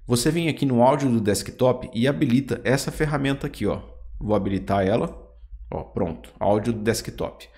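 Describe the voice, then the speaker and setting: A man with a Brazilian Portuguese accent hosting a software tutorial, chatting straight to the viewer and pointing out each step. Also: mid-range voice, a little fast. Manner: chatty, addresses viewer directly, pointing things out. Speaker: YouTube tutorial host. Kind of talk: screen-recorded software tutorial.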